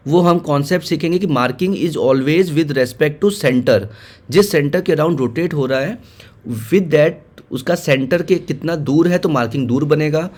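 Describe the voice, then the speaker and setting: A man's voice: medium pitch, a little mellow. A man teaching, walking students through exam questions and repeating key points as he mixes in English terms.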